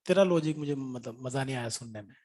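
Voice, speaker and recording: A man teaching physics in an informal, chatty lecture, mixing English terms into his speech, clearing his throat now and then, and coaxing the class by checking whether they followed. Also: mid-range voice, fast, darkish tone.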